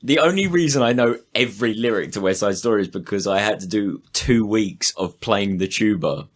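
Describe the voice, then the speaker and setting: A man's voice: fairly low pitch, brisk. A man co-hosting a podcast, chatting casually and crudely with friends. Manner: crude, laughing. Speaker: podcast co-host. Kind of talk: casual banter.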